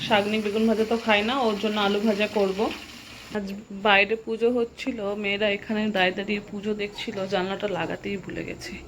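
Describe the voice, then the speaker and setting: A woman's voice: medium pitch, level tone, quick pace. A young woman vlogging at home, coaxing her children and chatting to viewers. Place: at home, indoors. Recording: noisy home recording with vehicle sounds.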